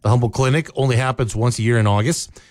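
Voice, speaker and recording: A man reading a local radio newscast as the anchor, in a steady, measured delivery. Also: mid-range voice. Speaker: news anchor. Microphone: close studio mic, dry.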